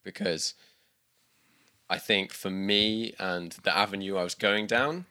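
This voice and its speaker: A man's voice: sits low, unhurried, pushed and bright. A man from the UK in his thirties, chatting casually as a guest, rambling with many restarts and fillers. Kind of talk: casual interview chat.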